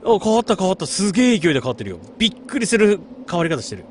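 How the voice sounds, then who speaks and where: Man, late-night gaming chat, lively swooping voice, rambling, muttered reactions. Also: sits high, racing, slight background noise. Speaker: game streamer.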